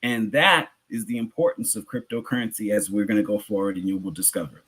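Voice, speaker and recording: A community lecturer gives a public educational talk, addressing the audience informally and conversationally with rhetorical questions and repeated phrases for emphasis. His voice is on the low side, husky and a bit bright, quick-paced with fairly even intonation.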